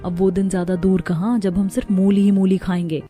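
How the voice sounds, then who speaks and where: Young daughter-in-law, chatty and complaining, warm tone; a woman voices her; soft music bed. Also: medium pitch, little pitch movement, brisk, close to an everyday voice.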